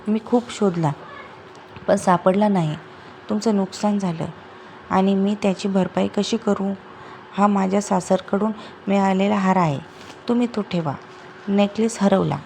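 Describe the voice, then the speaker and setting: A woman's voice: medium pitch, a little mellow, a little hiss or hum, lightly acted. A woman storyteller voicing an anxious, earnest young married woman. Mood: pleading. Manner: earnest, pleading.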